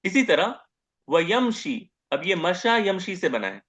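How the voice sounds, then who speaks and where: A man giving a grammar lecture as teacher, posing questions to the class, answering them himself and repeating each term slowly. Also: high-pitched, big pitch swings, a bit bright. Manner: asks questions and answers them himself, repeats terms, says "okay" often.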